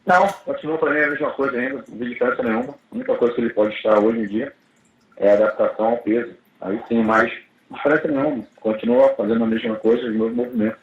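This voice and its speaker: A man's voice: medium pitch, steady tone, racing, echoey room, lo-fi sound, slight background noise. A man with a Brazilian accent talking conversationally on speakerphone during a press call. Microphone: telephone conference call.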